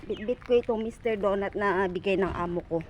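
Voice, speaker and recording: A woman's voice: mid-range voice, fairly quick, a little mellow, a little hiss or hum, rough recording. A woman vlogging outdoors while she walks, chatty and teasing, out of breath, talking into a phone. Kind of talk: casual walking vlog. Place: outdoors on city streets.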